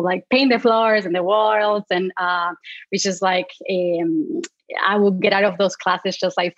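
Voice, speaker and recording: A woman's voice: medium pitch, fairly bright tone, no echo, highs cut off. A woman in her thirties from Argentina, whose first language is Spanish, chatting casually as an interview guest with many fillers and light laughs. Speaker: clinical psychologist guest.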